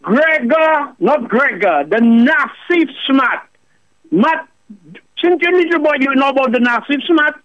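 A man's voice: extremely high pitch, animated, unhurried, a bit bright. A man calling in to a radio show, preaching and firing off rhetorical questions. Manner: preachy, repeats the host's name, rhetorical questions. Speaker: caller. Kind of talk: impassioned call-in rant. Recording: muffled phone line.

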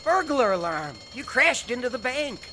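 Rowdy, animated young college guy. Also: very high-pitched, normal speed, faint music behind, heavily acted. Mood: alarmed. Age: young adult. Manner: exclamatory, goading. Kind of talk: radio drama acting.

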